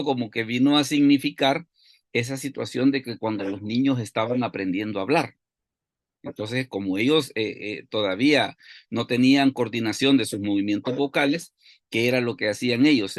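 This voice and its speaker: A man's voice: medium pitch, fairly bright tone, no echo, studio quality. A man teaching a Bible study lesson, explaining step by step and asking and answering his own questions.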